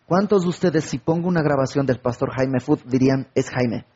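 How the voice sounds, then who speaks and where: A man's voice: mid-range voice, a little fast, dark tone, breathy edge, highs cut off. A man preaching a sermon, asking his listeners questions and acting out little everyday conversations. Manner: rhetorical questions and acted-out everyday dialogue.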